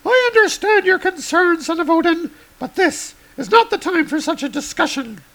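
A man voicing a stern young warrior woman from a comic, in a much higher voice with formal, measured speech. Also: expressive, vocal fry, a bit bright, exaggerated voice. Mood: stern calm.

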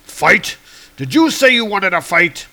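A man voicing a proud, hot-tempered male god from a comic, speaking in booming archaic declarations. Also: big pitch swings, unhurried, bright, forceful tone, full character voice. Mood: angry commanding.

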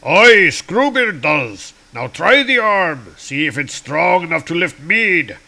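A man voicing a small, gruff male dwarf smith from a comic, slow and loud, who talks in broken grammar about himself. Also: a little high, big pitch swings, voice pushed up, exaggerated voice. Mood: proud gruff. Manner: broken grammar, speaks of himself in third person.

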